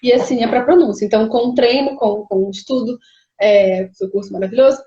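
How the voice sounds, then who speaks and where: Woman, higher voice, patient explainer; echoey, dull lo-fi audio. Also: a little fast, dark tone, slight background noise. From Rio de Janeiro, Brazil. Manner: explains patiently, many hesitations. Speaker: linguist guest. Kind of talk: explanatory conversation.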